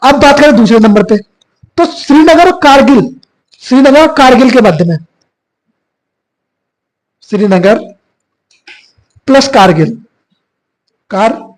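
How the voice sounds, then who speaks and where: A hoarse man, a little husky from a cough, teaches a geography lesson at a whiteboard. He repeats each point and keeps quizzing his students as he goes. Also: extremely high pitch, lively intonation, slow, pauses often, poor audio. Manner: repetitive, quizzing students with filler 'bhaiya'. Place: classroom with whiteboard.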